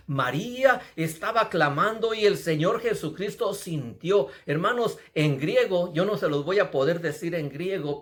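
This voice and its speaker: A man preaching a sermon with fervent emphasis, calling his listeners "brothers" again and again. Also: a little high.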